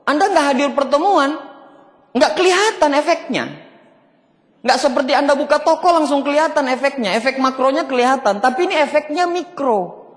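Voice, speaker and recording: A man's voice: extremely high pitch, a little fast. A man giving a motivational seminar talk, often asking the audience whether they agree. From Indonesia. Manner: asks the audience for agreement, mixes casual and formal speech. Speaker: motivational speaker. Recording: long hall reverb.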